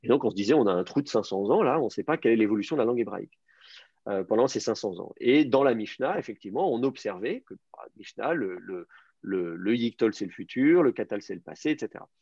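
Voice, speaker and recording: A man's voice: fairly low pitch, expressive, fast, darkish tone, husky, no room sound. A man teaching an advanced Hebrew class, explaining grammar and word roots with many fillers and restarts. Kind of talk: online language class. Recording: dull lo-fi sound.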